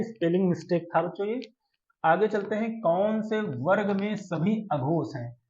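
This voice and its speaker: High-voiced teacher in an echoey room. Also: male voice, a little mellow. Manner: addresses students as "children", quizzes them, chants verse slowly. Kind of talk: exam-prep lesson. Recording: echoey room, dull lo-fi sound.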